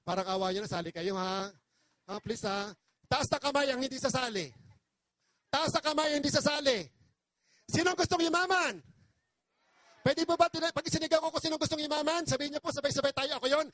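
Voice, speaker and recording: A man's voice: extremely high pitch, fairly quick, pauses often, a bit bright, no echo. A man from the Philippines giving an impassioned, pleading testimonial to an audience as a business presenter, very polite and emotional.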